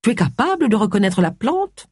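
Livre audio : lecteur donnant voix à un ami moqueur mais bienveillant, son sec et proche. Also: male voice, high voice, very animated, fairly quick, darkish tone, breathy edge, dry recording, studio quality, voice pushed up, heavily acted. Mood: taquin. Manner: teasing, reassuring. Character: man, an affectionate teasing friend. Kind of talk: audiobook character voice.

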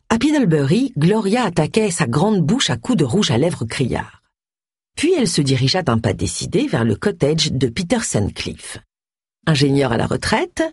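A woman narrates an audiobook in a wry, lively storytelling voice. Her voice is husky and lowish, moving widely in tone. The recording is dry and close. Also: no echo. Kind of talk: scripted narration.

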